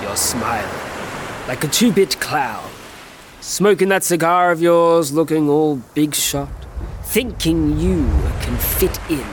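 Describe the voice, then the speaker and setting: A man's voice: on the high side, noisy background. An actor playing a menacing, taunting male villain in a comedy radio play, drawling like a gangster. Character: sinister male villain Mister Hyde, menacing. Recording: music behind.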